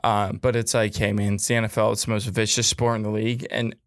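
A man's voice: on the low side, flat delivery, fast talker, dry recording, clean studio sound. A young man co-hosting a podcast, bantering and joking about football and betting odds. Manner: joking, talkative sports banter. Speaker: podcast co-host. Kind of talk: casual chat.

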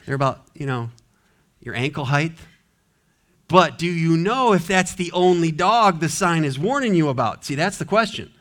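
A man's voice: a little high, animated, normal speed, a bit bright. Emphatic man preaching a sermon. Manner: emphatic preaching, voice rising and dropping sharply. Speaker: pastor. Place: church sanctuary.

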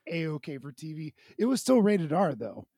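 A man co-hosting a podcast, chatty with quick interjections. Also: on the high side, big pitch swings, vocal fry, warm tone, slightly rough, no echo, studio quality. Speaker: podcast co-host. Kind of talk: casual chat.

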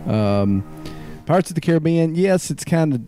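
Man, podcast co-host, warm dark tone, rambling, faint music. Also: fairly high pitch, animated, moderate pace. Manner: rambling, hesitant, restarts his sentences. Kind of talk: casual chat.

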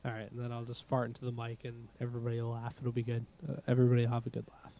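A man with a Massachusetts accent chats loosely as a podcast co-host, his voice dark and mellow. He swears freely and laughs often. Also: medium pitch, completely flat delivery, racing. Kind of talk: casual podcast chat. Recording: remote recording without proper mics.

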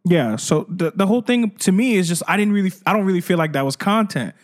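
A man's voice: high voice, expressive, fast. A man hosting a casual podcast, bantering in laid-back slang with friends. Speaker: podcast host. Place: shared room, not their usual studio.

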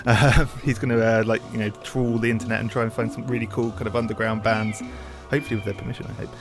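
A man hosts a podcast, talking fast and rambling with plenty of ums and uhs. Music plays clearly beneath his voice. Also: on the low side, little pitch movement. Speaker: podcast host. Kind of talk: casual show intro and interview.

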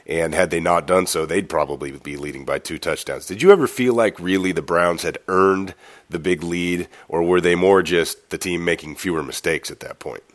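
A man's voice: deep voice, moderate pace. A man hosting a casual sports podcast, talking at length with a stuffy, nasal voice from a cold. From United States. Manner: talkative, rambling with restarts. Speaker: podcast host.

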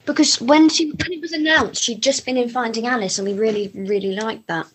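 A woman co-hosting a podcast, chatting about TV shows in a relaxed way with short replies. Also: on the high side, fairly quick, breathy edge. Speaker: podcast co-host. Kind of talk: casual chat about TV shows.

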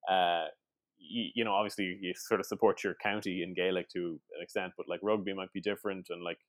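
A man with a west of Ireland accent and a low voice talks casually about sport. He rambles and hesitates, leaning on little filler phrases. The sound is dry, with very little room. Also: fairly even intonation, fairly quick, no echo. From Sligo, west of Ireland. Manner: hesitant, rambling, many "like" and "you know". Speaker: podcast co-host.

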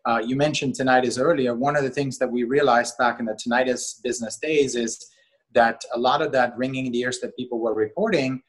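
A middle-aged Austrian man, co-CEO of a company, appears as a guest on a talk show in an interview conversation. His husky voice sits at an ordinary male pitch, and he speaks in a measured, unhurried, steady way, often pausing on small fillers. The recording is rough.

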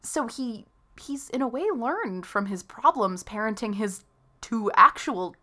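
A woman's voice: a little high, lively intonation, measured pace, bright, forceful tone. A young woman in her late teens chatting casually and eagerly, laughing often. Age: young adult. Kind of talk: casual podcast chat.

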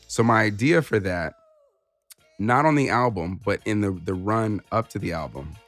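A man's voice: lowish voice, animated, moderate pace, a bit bright, faint music behind. A man co-hosting a casual chat about hip-hop records, thinking aloud with many ums and restarts. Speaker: podcast co-host.

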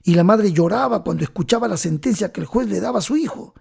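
A male preacher giving an emotional sermon, telling stories and slowing down for emphasis. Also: sits high, animated, vocal fry, darkish tone, husky. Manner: emotional storytelling, slows for emphasis.

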